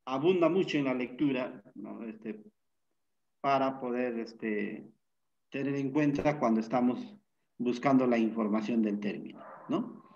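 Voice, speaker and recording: A man teaching a Bible Hebrew class, unhurried, often pausing with fillers and checking in with tag questions. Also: medium pitch, gravelly, darkish tone, lo-fi sound. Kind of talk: classroom lecture.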